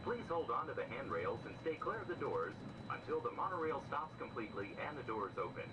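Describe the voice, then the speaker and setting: A man giving a recorded onboard loudspeaker announcement on a monorail, polite, scripted and measured. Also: mid-range voice, big pitch swings. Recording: distant loudspeaker with loud vehicle noise.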